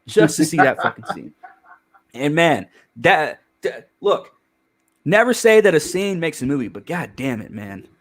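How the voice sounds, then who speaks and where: A man's voice: a little high, big pitch swings, a little slow, a bit bright. A man hosting a casual film review chat, talking in an emphatic, rambling way with frequent restarts and swearing. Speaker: podcast host.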